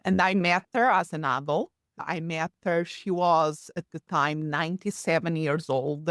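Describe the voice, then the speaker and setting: Portuguese-accented woman, lowish voice. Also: fairly bright tone, no echo, studio quality. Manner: earnest, slightly halting non-native phrasing. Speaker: podcast guest. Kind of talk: conversational storytelling.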